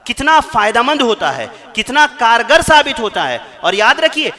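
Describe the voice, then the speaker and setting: A man's voice: very high-pitched, big pitch swings, sharp tone. A man giving a Friday sermon in a mosque, retelling stories with quoted dialogue and repeating phrases for emphasis.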